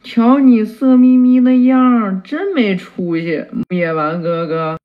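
A cheeky young boy ninja taunts in a raised, loud, high voice, as a man storyteller puts him on. The sound is a little muffled and lo-fi. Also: lively intonation, unhurried. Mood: mocking.

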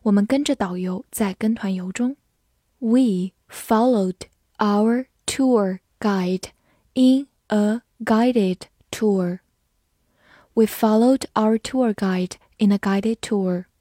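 Clear woman teaching English vocabulary. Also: mid-range voice, warm tone, dry recording, clean studio sound. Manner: clear and measured, spells words out letter by letter and reads example sentences slowly. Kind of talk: scripted vocabulary lesson.

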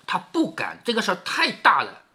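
A man's voice: high-pitched, wildly swooping pitch, a little fast, pushed and bright, husky. A man reading a classic novel aloud to his daughter, explaining it in a conversational way and asking her questions. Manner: conversational, asks questions of the listener.

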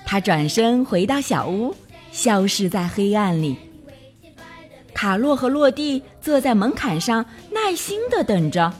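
A woman narrating a bedtime story for children, gentle and measured. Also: mid-range voice, sing-song, faint music behind.

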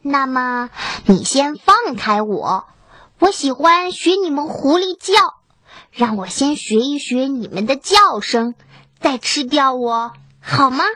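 A woman voicing a clever, calm little duckling in a children's storybook, speaking earnestly and coaxingly. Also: high voice, slow, no echo, voice pushed down, heavily acted. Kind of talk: storybook reading.

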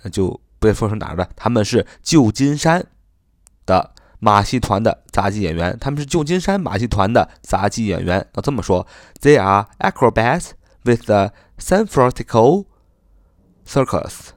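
A man teaching English vocabulary in Chinese, slowly repeating each word and spelling it out letter by letter, speaking English with a Mandarin Chinese accent. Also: lowish voice, very animated, dry recording, studio quality. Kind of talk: spoken vocabulary lesson.

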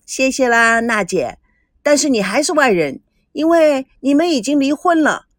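A woman's voice: high-pitched, expressive, moderate pace, dry recording, studio quality, voice pushed up. Woman voicing a perky, teasing young girl. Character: chatty, cheeky teenage girl.

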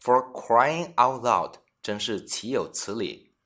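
A man with a mid-range, slightly bright voice sounds animated as he teaches English expressions in a scripted, bilingual lesson. He reads every example sentence in a slow, deliberate way.

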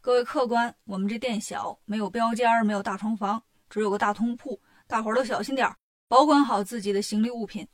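A woman's voice: fairly high pitch, steady tone, fast, lightly acted. A woman voicing a careful, practical middle-aged innkeeper in a children's story, warning his guests. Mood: cautioning.

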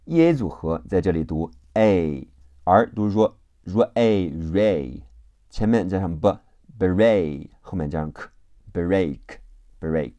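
A man from China teaching English vocabulary in a phonics lesson, spelling each word slowly letter by letter and repeating it. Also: low-pitched, lively intonation, warm tone, no room sound, lo-fi sound. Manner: slow, deliberate letter-by-letter spelling and repetition.

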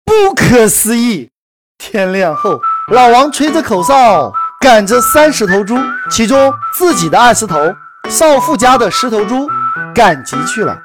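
A woman telling a promotional story in a brisk, emphatic scripted sales delivery. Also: fairly high pitch, very animated, soft background music. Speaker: course promoter narrator.

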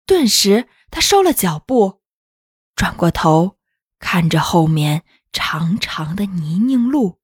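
A woman narrating a children's story in a gentle, unhurried, expressive reading. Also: lowish voice, husky, no echo, clean studio sound.

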